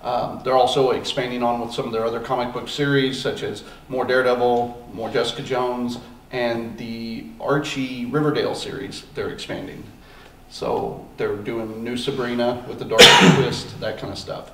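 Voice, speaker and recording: A man's voice: medium pitch, steady tone, normal speed, bright, forceful tone. A man hosting a podcast in casual chat, rambling with plenty of ums and uhs. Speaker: podcast host. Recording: echoey room, distant mic, faint noise.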